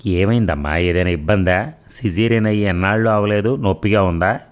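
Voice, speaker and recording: A man's voice: sits low, brisk, natural voice. A man reading a storybook voicing a middle-aged mother who fusses over her daughter and scolds her fondly. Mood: fussing.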